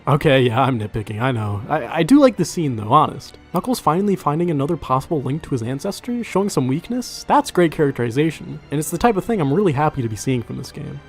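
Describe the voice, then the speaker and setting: A man's voice: on the high side, animated, fast, hardly any pauses, faint music behind. A man reviewing a video game in casual, conversational scripted narration, with wry, sarcastic asides.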